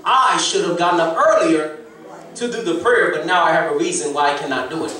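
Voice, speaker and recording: A man's voice: fairly high pitch, fairly quick, sharp tone. A man in his thirties from Haiti with a Haitian accent, preaching an exhorting sermon as guest preacher. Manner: exhorting, preaching to the congregation with rising emphasis. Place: church sanctuary, mid-size, indoors. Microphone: handheld mic, far camera. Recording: echoey church heard from far off. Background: congregation responding.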